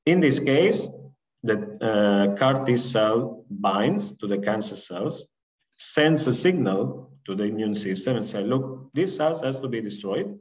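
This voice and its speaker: A young adult man, an invited researcher, gives a webinar lecture over slides from an indoor room on a video call, explaining in a halting way with many fillers and restarts. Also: mid-range voice, animated, rough recording. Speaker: invited researcher giving a talk. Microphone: video call from a laptop webcam.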